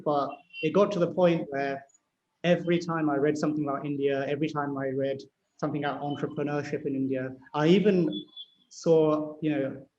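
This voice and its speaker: A man's voice: a little high, slight background noise. British-raised man hosting, echoey dull line. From United Kingdom. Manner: animated, storytelling, frequent "you know" and "right?". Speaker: fintech CEO interviewing a guest. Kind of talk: conversational panel discussion.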